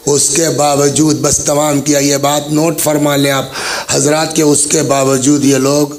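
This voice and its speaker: A man delivers a Muharram majlis sermon in a gravelly voice of middle pitch. He tells the story with drama, raising his voice to act out each person's lines, and speaks directly to the listeners in front of him. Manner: dramatic storytelling, voicing the people in the tale; addresses the gathering directly. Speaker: religious orator.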